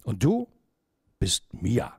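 A soft-spoken, courteous snow owl from a storybook, voiced by a man. The voice lifts and falls in a lively, sing-song way and stays polite and coaxing. It sounds dry and close, with no room around it. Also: medium pitch, extremely slow, slightly rough, no echo, exaggerated voice. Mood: gentle, coaxing. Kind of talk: storybook reading.

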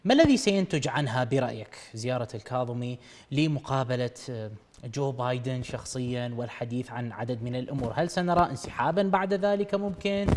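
A man hosts a political talk show, firing stacked questions at his guests at a very fast clip. His voice sits a little high.

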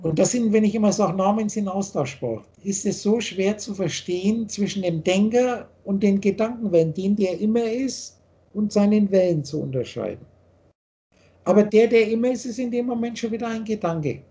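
On a webcam video call from his home office, an older man teaches spiritual ideas insistently, gesturing a lot as he goes. The voice is high-pitched and warm, at a moderate pace.

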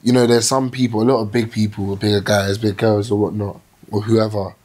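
A young man talking as a podcast guest in a small indoor studio, reflective and animated, telling his story with restarts. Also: on the low side, a little fast. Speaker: plus-size model, podcast guest. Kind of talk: casual interview chat.

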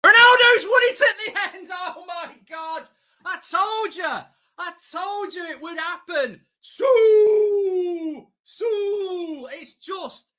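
Man yelling long goal shouts, forceful. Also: extremely high pitch. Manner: shouted, drawn-out goal yells. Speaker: football watchalong host. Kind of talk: excited fan reaction commentary. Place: indoor streaming studio.

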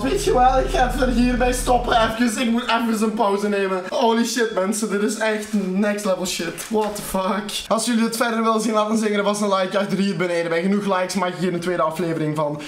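A Flemish-accented man gives horror game let's-play commentary, loud, swearing and jumpy. His voice sits very high and reaches a distant mic in an echoey room, with clear noise underneath. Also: steady tone, a little fast, few pauses. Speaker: gaming YouTuber. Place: room at home, wearing a VR headset.

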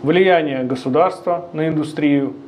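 A man's voice: a little high, measured pace, a little mellow, slight background noise. A man hosting a business podcast, asking long, formally phrased questions in a dim bar. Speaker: podcast host. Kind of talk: interview questions.

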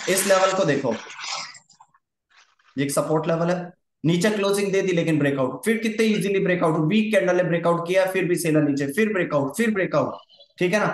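A man's voice: a little high, echoey room, a little hiss or hum. A man teaching trading charts in a casual lesson, repeating himself and often checking that his listener follows. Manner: repetitive, coaxing, keeps checking understanding.

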